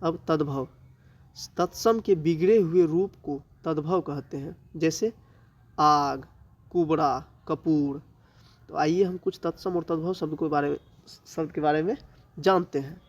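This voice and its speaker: A male teacher with a Bihari accent giving an exam-prep grammar lesson, listing items slowly and answering his own questions. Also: a little high, steady tone. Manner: slow, drawn-out listing with rhetorical questions he answers himself.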